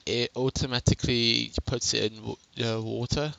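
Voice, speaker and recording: A man's voice: mid-range voice, flat delivery, normal speed, vocal fry, pushed and bright, low-quality recording. A young man casually narrating a game tutorial on a headset at home, rambling and correcting himself as he goes. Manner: rambling, self-correcting, chatty.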